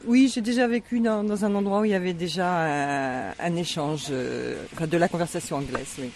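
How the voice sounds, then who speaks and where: A woman from Normandy, a workshop participant answering interview questions in a measured, slightly hesitant way. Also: fairly low pitch, darkish tone, slight background noise. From Normandy, France.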